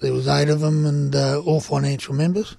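A man with an Australian accent and a rough, gravelly voice, telling stories bluntly and colloquially in casual radio chat. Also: a little high, fairly even intonation, a little fast, mellow, dry recording, studio quality. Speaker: union organiser reporting on site visits. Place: community radio studio.

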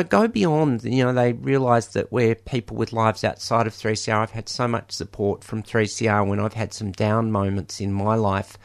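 Gravelly radio presenter, rambling. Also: male voice, on the low side. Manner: rambling, many ums, jokey asides. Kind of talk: community radio fundraising chat. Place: radio studio. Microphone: studio microphone.

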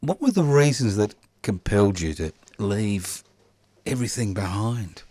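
A man hosting a radio interview, asking questions gently and with some hesitation. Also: on the low side, animated, unhurried, dry recording. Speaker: radio host.

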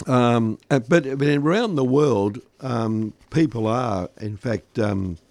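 An older man giving conversational news commentary as a host, halting often and using wry understatement. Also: medium pitch, gravelly, darkish tone, no echo. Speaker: talk show host.

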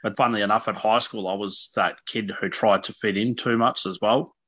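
Informal Australian man, bright forceful voice. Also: fairly low pitch, fairly even intonation, a little fast, no echo. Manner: informal, hesitant, self-deprecating. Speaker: interview guest. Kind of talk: candid personal interview. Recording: dull, lo-fi radio audio.

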